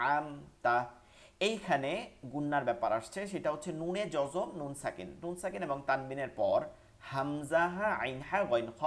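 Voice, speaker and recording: A man with a Bangladeshi Bengali accent teaching Quran recitation in an online class. He spells out syllables slowly and repeats them, then explains the rules quickly. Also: medium pitch.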